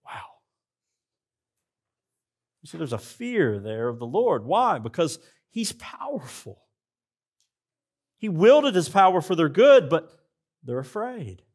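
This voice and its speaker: A man's voice: a little high, big pitch swings, slow, long pauses, darkish tone, husky. A man preaching a sermon in a church, speaking earnestly and addressing the congregation directly. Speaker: pastor. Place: church sanctuary.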